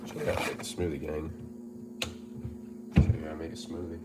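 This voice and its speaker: Heavy background noise surrounds a man with a rumbling low voice who speaks briskly on a livestream. A personal trainer and gym owner with a head cold, he sounds nasal and stuffed up, relaxed and chatty, repeating himself while reading viewer comments aloud.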